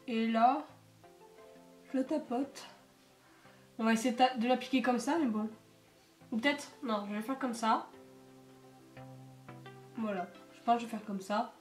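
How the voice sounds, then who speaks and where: A teenage girl with a cold and blocked nose chats her way through a makeup tutorial at home, rambling with plenty of fillers. Her voice sits a little high, and the room echoes. She's a beauty vlogger.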